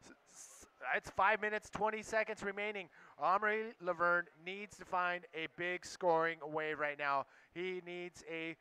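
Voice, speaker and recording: A man's voice: high voice, level tone, unhurried, few pauses, sharp tone, clean tone. A man commentating live on a surf contest as its announcer, in a laid-back surfer style. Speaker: sports event announcer and commentator.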